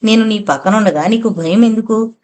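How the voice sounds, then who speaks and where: A woman narrator voicing a seductive, possessive female spirit in an audio novel, speaking softly and coaxingly. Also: mid-range voice, normal speed, natural voice. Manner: soft, coaxing, whispery.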